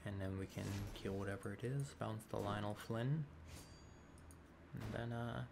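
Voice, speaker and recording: A man's voice: lowish voice, measured pace, gravelly, background noise. A man giving dry, sarcastic, rambling commentary over his gameplay at home into a desk mic. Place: home room.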